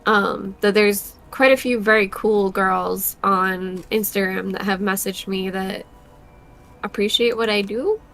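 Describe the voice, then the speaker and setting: A woman's voice: mid-range voice, fairly even intonation, unhurried, a bit bright. A young woman co-hosting a board game stream, talking casually with many fillers while she plays. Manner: chatty, many fillers, laughs often. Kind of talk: casual chat while playing.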